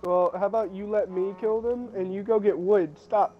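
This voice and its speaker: A man's voice: sits high, steady tone, normal speed, phone-quality sound. A man chatting casually as a co-op gaming partner, playful and bantering. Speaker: game streamer's co-op partner. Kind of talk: casual gameplay chat.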